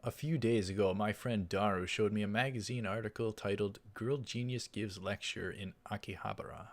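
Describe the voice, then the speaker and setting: A let's play host with a fairly low voice plays through a game at a moderate pace, reading the story text aloud and tossing in casual asides. Game music plays behind him.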